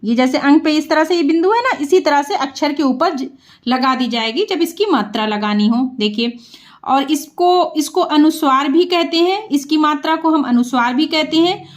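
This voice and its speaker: A woman's voice: high voice, normal speed. A woman teaching reading, patiently drawing out syllables for practice. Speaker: Hindi teacher. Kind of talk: slow, clear reading lesson.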